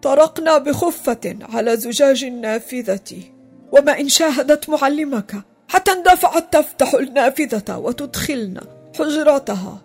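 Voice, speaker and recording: A woman voicing a kindly, loyal old male servant in a children's audio drama, often talking in a hush. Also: high-pitched, lively intonation, moderate pace, soft background music. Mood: whispering. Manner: fearful at first, later hushed and secretive.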